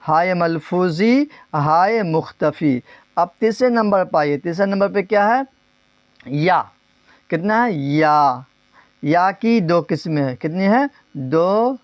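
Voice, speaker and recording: A male teacher giving a grammar lesson, asking questions and repeating the answers, drawing some words out slowly and rushing through others. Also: a little high, no echo, lo-fi sound. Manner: drills terms, asks and repeats answers; stretches words slowly, then speeds up.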